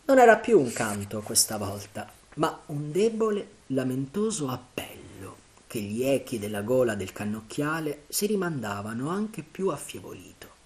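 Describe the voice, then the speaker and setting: A man narrating a classic adventure novel for an audiobook in a measured, dramatic storytelling manner. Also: medium pitch, very animated, a little mellow. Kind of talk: scripted narration.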